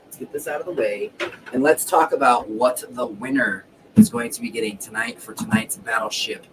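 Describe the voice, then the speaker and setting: A man's voice: mid-range voice, big pitch swings, normal speed, vocal fry. A man hosting a casual livestream who rambles and corrects himself as he goes, swearing now and then, while fighting the hiccups. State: has the hiccups. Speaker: livestream host. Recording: distant mic with faint background noise.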